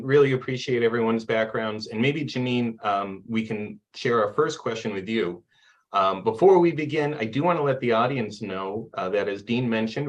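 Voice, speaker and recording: A man moderating a panel, polite and organized as he hands over to speakers and sets out questions. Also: fairly low pitch. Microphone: video call.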